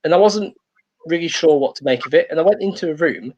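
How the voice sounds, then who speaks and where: A man doing a stand-up comedy set, hesitant and rambling, with many pauses and restarts. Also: fairly high pitch, lively intonation, darkish tone, lo-fi sound.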